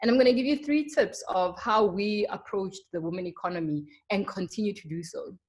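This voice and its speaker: A woman's voice: mid-range voice, a little fast, a little mellow. A young South African woman with a South African accent, a marketer giving an earnest, emphatic webinar presentation with frequent ums. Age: young adult.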